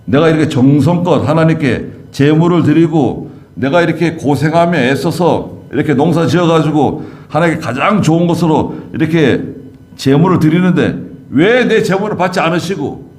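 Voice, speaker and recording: A man's voice: a little high, lively intonation, moderate pace, a little mellow, pitched above the performer's own voice, lightly acted. A man voicing a resentful young farmer who complains with indignant questions about his rejected offering. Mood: aggrieved. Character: resentful young farmer brother, aggrieved and jealous.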